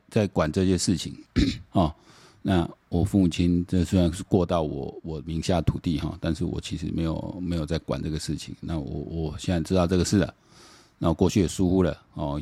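Low, mellow-voiced Taiwanese man rambling. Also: breathy edge, no echo. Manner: rambling, repeats words, switches into Taiwanese Hokkien, mocking rhetorical questions. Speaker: political commentary podcast host. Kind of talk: casual solo political commentary.

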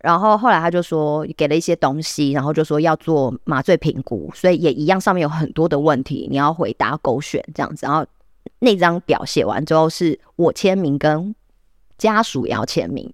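A podcast co-host tells a long story in a Taiwanese Mandarin accent, restarting sentences with "then" and breaking into laughter. The voice sits at a middling pitch and sounds close and dry, with no room behind it. Other people get quick acted voices when quoted. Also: animated, dry recording. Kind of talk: casual storytelling chat.

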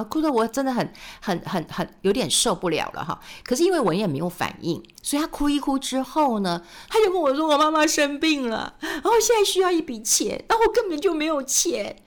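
Woman, radio host, animated storytelling, swooping pitch. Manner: animated, acts out quoted voices. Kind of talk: storytelling commentary.

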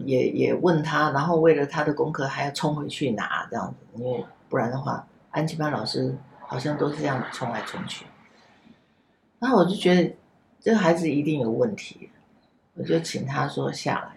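A woman, an after-school center director, telling a story gently and vividly in a casual podcast chat. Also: rumbling low, moderate pace, gravelly, a little hiss or hum. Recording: echoey room.

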